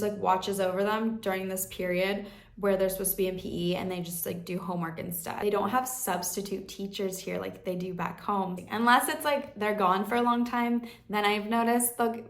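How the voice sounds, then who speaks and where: A woman's voice: medium pitch, fairly even intonation, normal speed. Chatty American woman in an echoey room. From United States. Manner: chatty, lots of "like" fillers. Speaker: vlogger. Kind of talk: casual vlog chat.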